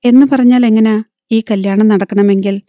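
A woman voicing a proud, hot-tempered aging wealthy father in an audiobook, commanding yet soft with his daughter. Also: high-pitched, steady tone, moderate pace, dry recording, lightly acted. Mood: angry.

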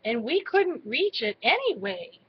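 A woman's voice: a little high, sing-song, unhurried, slightly rough, dull audio, exaggerated voice. Woman voicing a cautious young boy mouse. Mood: hesitant. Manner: careful, hesitant. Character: shy, cautious young male library mouse.

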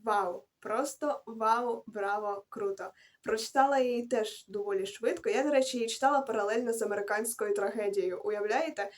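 A woman's voice: medium pitch, a little fast. A young woman rambling casually through her book reviews in a vlog, correcting herself and adding slangy asides as she goes. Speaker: book vlogger.

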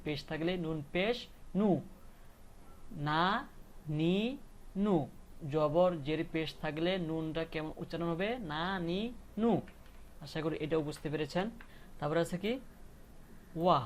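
Brief: male lesson voice, slightly high, patient slow repetition of syllables. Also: fairly even intonation, slight background noise. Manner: slow, repetitive drilling of letter sounds. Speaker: Quran reading teacher. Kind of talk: step-by-step recitation lesson.

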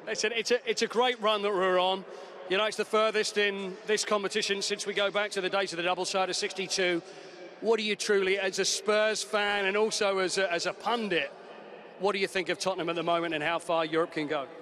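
A middle-aged man interviewing a guest pitchside with a handheld mic, effusive and enthusiastic in his questions. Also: little pitch movement, fairly quick, pushed and bright. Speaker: club TV interviewer. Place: outdoor stadium pitchside.

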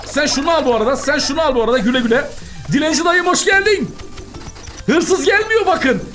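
A man hosting a gaming channel, giving excitable, chatty commentary while he plays and talks to the customers in the game. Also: very high voice, a little fast, music in the background.

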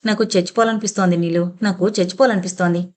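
A woman reading as a fragile, distraught young woman who talks quietly and haltingly. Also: on the low side, steady tone, natural voice. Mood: tearful.

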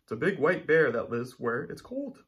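A teacher in his thirties reads to children indoors in a small room, explaining with plenty of expression and often checking in with them. He speaks in a sing-song way at a moderate pace, with a fairly high pitch and a fairly bright tone.

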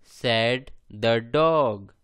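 A man reads aloud at an extremely slow, careful pace, setting each word apart with long pauses for beginning readers. His voice is strikingly clear and smooth. The recording is dry and close, with no room sound. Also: mid-range voice, fairly bright tone, no room sound.

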